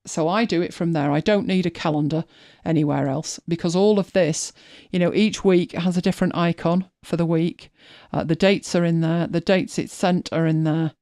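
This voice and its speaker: A woman's voice: fairly low pitch, steady tone, normal speed, few pauses, dark tone, no echo, clean studio sound. A woman hosting a live stream, chatting casually as she walks viewers through her screen, thinking aloud and often restarting her sentences. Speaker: host.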